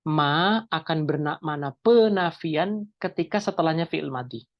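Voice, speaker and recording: A man's voice: on the high side, expressive, measured pace, no echo, dull audio. A male Islamic teacher giving an online Arabic grammar class, explaining step by step and asking and answering his own questions.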